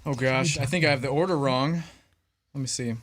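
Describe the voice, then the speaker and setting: A man's voice: mid-range voice, fairly quick, fairly bright tone. A man co-hosting a casual live stream, friendly and a bit scattered. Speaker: podcast co-host. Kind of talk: casual chat.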